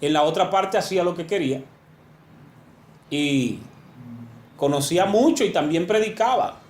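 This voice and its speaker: A high-voiced man preaches a sermon earnestly and emphatically, his pitch rising and falling to drive home each point, and he's animated at a moderate pace. His tone is darkish, the sound roomy and echoey, with a little hiss or hum.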